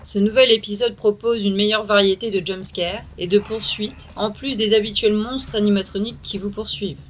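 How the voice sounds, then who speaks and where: A woman's voice: mid-range voice, steady tone, normal speed, a little hiss or hum. A middle-aged woman hosting and narrating a video game review. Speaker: video host. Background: music.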